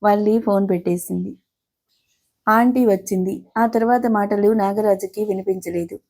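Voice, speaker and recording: A woman's voice: mid-range voice, fairly even intonation, moderate pace, creaky, warm tone. A middle-aged woman reading a family story aloud, voicing the characters' lines in her own voice. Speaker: story narrator. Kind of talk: scripted storytelling narration.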